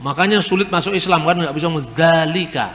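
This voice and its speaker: Lively man lecturing in an echoing hall. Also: on the high side, quick pace, slight background noise. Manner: lively, explanatory, imitates regional pronunciations. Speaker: religious speaker. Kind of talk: teaching lecture.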